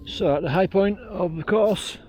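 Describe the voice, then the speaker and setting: A man's voice: high-pitched, moderate pace, a little mellow, faint music behind. A British man vlogging casually while out running on open hills, talking in a wry, self-deprecating way with dry understatement. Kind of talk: casual vlog chat to camera. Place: outdoors on open moorland hills.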